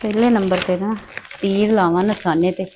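A woman with a Punjabi accent playing a bitter, scheming daughter-in-law who speaks in sharp, scornful retorts. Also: high voice, brisk, noisy background, lightly acted. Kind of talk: amateur family drama acting.

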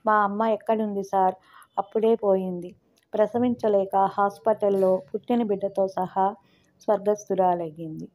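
A woman voicing a humble young man, mellow and polite. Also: mid-range voice, steady tone, moderate pace, lightly acted. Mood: sorrowful. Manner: respectful, soft-spoken. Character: humble young male graduate, polite and grieving.

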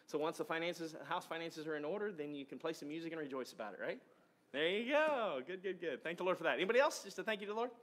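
A man's voice: a little high, expressive, quick pace, a bit bright. A man, a pastor chatting casually with his congregation and laughing often. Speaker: pastor leading praise time. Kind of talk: casual church talk with congregation.

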